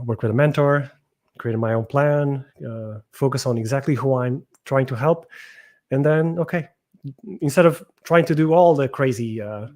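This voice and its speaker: A man talks casually as a podcast guest. He searches for his words and often restarts his sentences. His voice sits at an ordinary middle pitch. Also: a little mellow. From Portugal. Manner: thoughtful, hesitant, many restarts. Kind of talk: casual interview talk.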